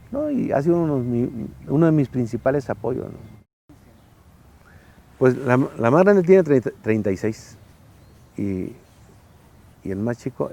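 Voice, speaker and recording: Gravelly Mexican man in his sixties. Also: medium pitch, mellow. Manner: colloquial, anecdotal, frequent fillers and tag questions. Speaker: interviewee, architect and former faculty director. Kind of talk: casual interview storytelling.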